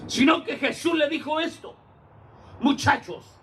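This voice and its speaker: A male pastor preaches in a very high voice, retelling a Bible story with bursts of shouting for the characters' lines. He often turns to his listeners as brother. Faint noise hangs under the recording. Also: normal speed. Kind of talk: sermon.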